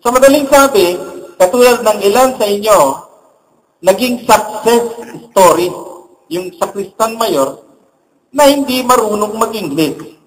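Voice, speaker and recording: A man's voice: high-pitched, a little slow, long pauses. A man preaching as a priest, telling humorous stories in a sermon in a large church. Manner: humorous storytelling with jokes. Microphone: recorded from among the congregation. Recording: distant church recording, faint hum.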